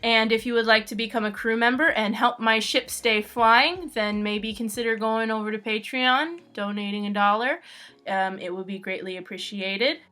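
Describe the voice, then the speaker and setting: In a sharp-toned, fairly high voice at a moderate pace, the webcomic artist and channel host answers questions in a casual chat with her sister. She giggles, rambles and pokes fun at herself, while music plays beneath.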